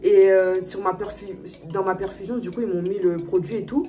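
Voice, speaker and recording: A woman's voice: medium pitch, steady tone, moderate pace, warm tone, distant mic, soft background music. A young woman vlogging a personal story to her viewers, talking emotionally and repeating herself with lots of fillers and restarts. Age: young adult. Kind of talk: storytime vlog, casual chat to viewers.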